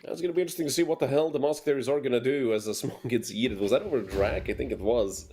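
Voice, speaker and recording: A man casting a competitive shooter match solo, giving quick play-by-play with dry asides. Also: mid-range voice, dark tone, a little hiss or hum. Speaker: esports caster.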